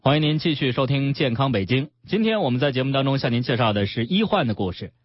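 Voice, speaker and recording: A man, hosting a radio health show and reading a story aloud with calm, expressive storytelling. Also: medium pitch, quick pace, breathy edge, soft background music. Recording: dull radio broadcast.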